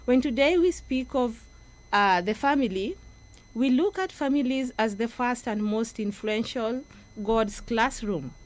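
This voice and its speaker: A woman's voice: fairly high pitch, measured pace. A Kenyan woman, a project coordinator and guest speaker, giving an earnest, instructive talk in a radio studio.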